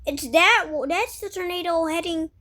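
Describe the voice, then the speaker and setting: A woman giving casual gameplay commentary, talking to herself in an excitable, exclaiming way. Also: very high voice, moderate pace. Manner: excitable, exclaiming and muttering to self. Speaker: gamer narrating gameplay.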